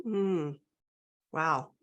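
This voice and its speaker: A woman's voice: low-pitched, extremely slow, lo-fi sound. A woman hosting a webinar conversation, moderating with frequent fillers over a video call. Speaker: host.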